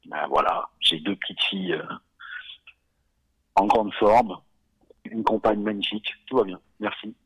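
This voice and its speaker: A man in his forties from Savoie, talking casually as a podcast guest, relaxed and hesitant, with many fillers and little chuckles. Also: on the low side, measured pace, pauses often, breathy edge, poor audio. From Savoie, France. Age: 40s. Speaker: guest, beer company founder.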